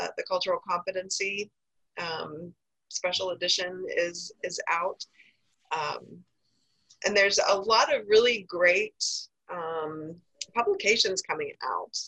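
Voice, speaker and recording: An American female podcast guest shares information informally. Her voice sits a little low but has a bright, forceful edge. She speaks haltingly, pausing and hesitating between phrases. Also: expressive, creaky, poor audio. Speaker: podcast guest, safe zone trainer.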